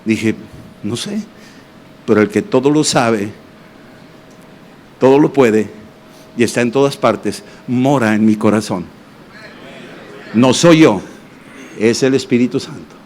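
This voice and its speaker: A man, a pastor, preaching a sermon and telling personal testimonies in an animated way with acted voices and sound effects. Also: mid-range voice, takes it slowly, long pauses, a little hiss or hum. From Mexico. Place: church congress hall.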